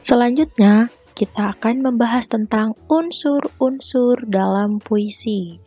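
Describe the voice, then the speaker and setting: A young woman student presenting a lesson as a voice-over for slides, reading in a measured way that lists points one by one. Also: fairly high pitch, dark tone, dull audio, soft background music. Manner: measured, read-aloud listing. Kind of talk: scripted lesson narration.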